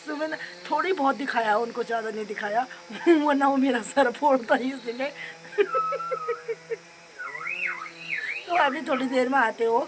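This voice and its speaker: A young woman from north India's hill region records a relaxed vlog of her day at home, indoors and outside in the sunshine, chatting and often breaking into laughter. Her fairly high voice has a darkish tone, and the rough recording has a little hiss or hum.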